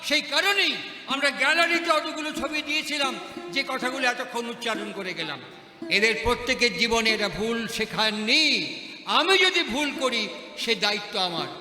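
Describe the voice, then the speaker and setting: A man's voice: very high-pitched, brisk, pushed and bright. A man giving a sermon at a festival stage, mixing stories with rhetorical questions and repeating his phrases for emphasis. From West Bengal, India. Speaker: religious speaker. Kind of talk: sermon with storytelling. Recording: echoey hall with music behind.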